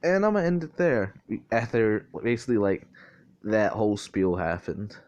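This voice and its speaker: A man's voice: fairly low pitch, very animated, moderate pace, darkish tone, lo-fi sound. A man casually retelling a fan-made crossover story, rambling with lots of filler words and swearing, his mouth getting dry.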